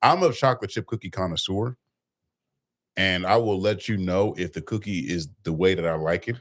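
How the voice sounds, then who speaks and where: A man sits in as guest co-host on a casual podcast, full of playful banter and hype. His voice sits on the low side, relaxed and jokey. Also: normal speed.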